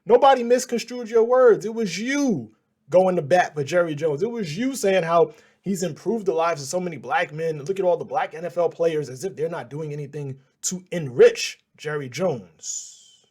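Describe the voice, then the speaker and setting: A man's voice: fairly high pitch, moderate pace, a little mellow, breathy edge. A man hosting a news channel, reacting to clips in a casual, sarcastic and exasperated way.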